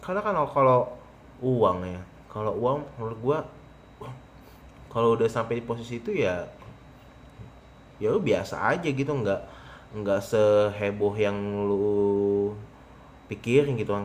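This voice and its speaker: A man's voice: on the low side, slight background noise. Young man rambling casually. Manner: rambling, slangy, thinks aloud with fillers. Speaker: podcast host. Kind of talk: casual podcast chat.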